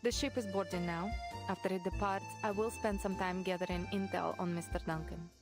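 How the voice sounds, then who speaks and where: A protective female officer acted by a woman from a video game. Her voice sits fairly low and stays formal and measured. Music plays clearly behind her. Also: fairly even intonation, lightly acted. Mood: composed, caring. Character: composed, protective female military lieutenant. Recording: music over game dialogue.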